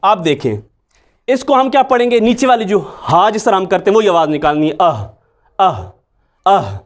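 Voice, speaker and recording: A man's voice: high voice, expressive, brisk. A man, teaching a Quran recitation lesson and patiently repeating sounds to show them. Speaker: religious teacher.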